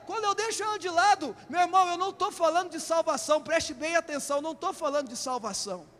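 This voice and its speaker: Man, bishop, impassioned sermon, very high voice, long hall reverb. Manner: impassioned preaching, often shouting. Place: church hall.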